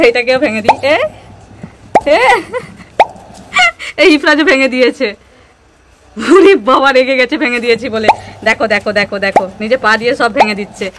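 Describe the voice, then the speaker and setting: Young mom vlogger, high pitched and bright, playful and teasing, faint noise behind. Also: female voice, moderate pace, long pauses. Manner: playful, teasing, talks to children and viewers. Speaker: mother filming her children. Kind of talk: casual family vlog narration.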